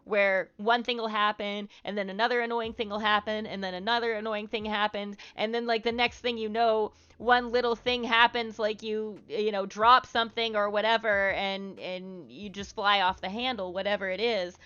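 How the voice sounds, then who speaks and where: A woman's voice: medium pitch, steady tone, normal speed, hardly any pauses, a bit bright, clean tone. A young woman live streaming, chatting casually with her viewers and giving advice in a rambling way full of fillers. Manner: rambling, many fillers and "like"s, candid. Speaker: live streamer answering chat. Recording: dull lo-fi stream audio.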